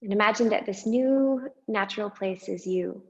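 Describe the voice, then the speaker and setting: Soft-spoken woman guiding a meditation. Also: medium pitch, lo-fi sound. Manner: slow, soft and unhurried with long pauses. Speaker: meditation guide. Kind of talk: guided meditation.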